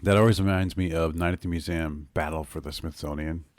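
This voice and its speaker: Deep-voiced playful man hosting a podcast. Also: fairly even intonation, a little fast. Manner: playful, teasing, laughs easily. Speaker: podcast co-host. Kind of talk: casual chat.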